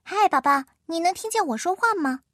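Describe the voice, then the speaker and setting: A woman storyteller voicing a bossy big sister who yells at the baby. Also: very high-pitched, expressive, brisk, no echo, studio quality, pitched above the performer's own voice. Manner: shouting, bossy. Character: bossy loud big sister, young girl.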